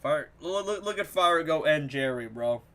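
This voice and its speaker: A man's voice: on the high side, normal speed. A young man giving casual, joking commentary to his chat while he plays a video game. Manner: excitable, joking, talks to chat. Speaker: streamer.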